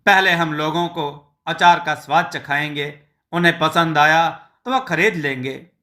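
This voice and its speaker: A cheerful, boastful village farmer full of playful teasing, as a male storyteller puts him on. He talks in a slow, easy way with a bright, slightly high voice. He suits a storybook tale.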